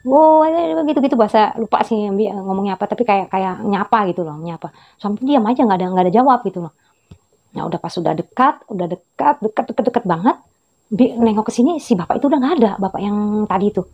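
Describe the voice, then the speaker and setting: A woman's voice: mid-range voice, fast talker, darkish tone, breathy edge. A woman in her fifties telling a story in a chatty, rambling way, often repeating who said what. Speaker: storytelling vlogger. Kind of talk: casual storytelling. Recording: slightly dull lo-fi audio with faint music.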